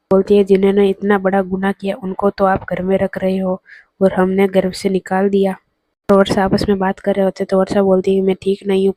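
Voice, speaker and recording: A woman's voice: medium pitch, mellow, no room sound. A woman narrating an episode recap of a TV serial, retelling scenes by quoting each character's dialogue in a level tone. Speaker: TV serial reviewer.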